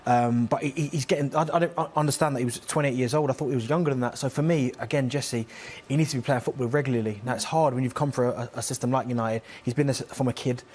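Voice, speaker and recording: A man works as a football pundit, talking at a very rapid clip. His pitch is average and his delivery is conversational analysis. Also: fairly even intonation, darkish tone.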